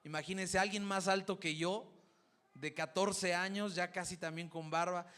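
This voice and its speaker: A man's voice: high voice, steady tone, moderate pace, a bit bright. A man preaching a sermon, telling a classroom story and acting out the parents he quotes. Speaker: preacher and schoolteacher.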